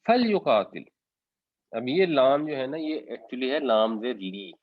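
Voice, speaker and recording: A man gives a patient, explanatory religious lesson at an ordinary middle pitch, dropping in English words as he goes. The recording is dry, with no room sound, and a little dull and muffled. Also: lively intonation, dry recording. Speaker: Quran teacher.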